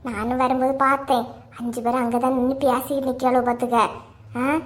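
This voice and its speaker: A woman voicing an indignant, gossiping village neighbour in a cartoon, speaking with a Kanyakumari Tamil accent in a quick, complaining, sing-song way. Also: high voice, level tone, close to an everyday voice. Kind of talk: cartoon voice acting.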